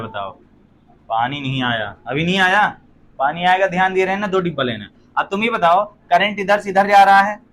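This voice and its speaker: A young male teacher with a fairly high voice lectures a class and keeps quizzing his students as he works through a problem. A little faint noise sits behind him, and he jokes between the steps. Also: sharp tone. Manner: quizzing students with frequent rhetorical questions; joking asides. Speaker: physics teacher.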